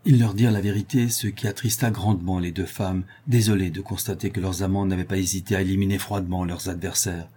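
Male audiobook narrator, low voice, husky, steady measured reading. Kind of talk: scripted narration of a historical novel.

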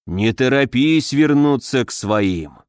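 Old hermit sage read by a man: slow, resonant, cryptic, audiobook. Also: mid-range voice, animated, no room sound, studio quality.

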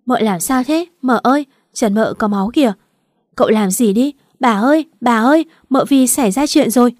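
A panicked housemaid crying out for help, as a woman reads her part. The voice rises a little above a mellow, dark base, recorded dry. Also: on the high side, moderate pace, no echo, voice pushed up, close to an everyday voice. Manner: panicked, pleading.

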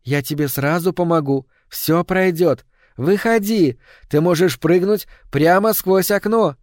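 A man's voice: high-pitched, unhurried, darkish tone, no room sound, studio quality, pitched above the performer's own voice. A man reading an audiobook, voicing a pale barefoot creature girl who coaxes sweetly. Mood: luring. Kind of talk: audiobook narration.

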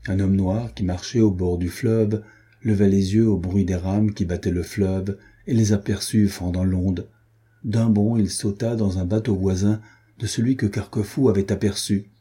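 Male audiobook narrator, very dark and husky tone, even measured reading. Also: fairly low pitch. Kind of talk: scripted narration.

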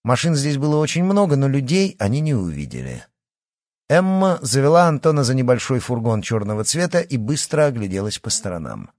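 A man giving expressive, dramatic scripted audiobook narration. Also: mid-range voice, fairly quick, no room sound, clean studio sound.

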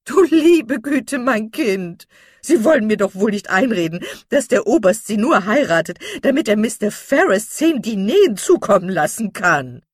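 A woman voicing a talkative, gossipy older matchmaking lady in an audiobook, with loud, excited exclamations. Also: lowish voice, moderate pace, breathy edge, no echo, clean studio sound, exaggerated voice. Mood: gleeful. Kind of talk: audiobook character reading.

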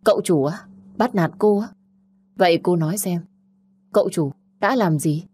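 A woman narrator voicing a gentle, respectful older male family driver. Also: lowish voice, normal speed, husky, no room sound.

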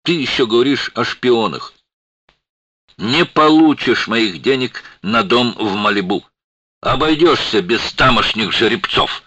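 A man's voice: deep voice, fast talker, few pauses, pushed and bright, no room sound, heavily acted. Barking bitter angry man, read by a narrator. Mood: contemptuous. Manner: barking, contemptuous.

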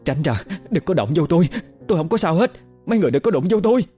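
A man voicing a frantic, stubborn middle-aged mother in a narrated ghost story, insistent and shrill. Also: sing-song, quick pace, dark tone, husky, soft background music. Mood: panicked.

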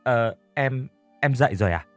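A man's voice: medium pitch, lively intonation, normal speed, no echo, faint music behind, natural voice. A man voicing a hesitant, placating young husband in an audio story. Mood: apologetic. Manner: hesitant, apologetic.

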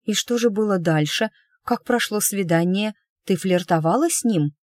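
A woman's voice: mid-range voice, moderate pace, darkish tone, dry recording, clean studio sound, pitched above the performer's own voice, close to an everyday voice. A woman reading an audiobook, voicing a flustered, giggly young woman who exclaims in a rising voice. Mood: curious. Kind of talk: audiobook character voice.

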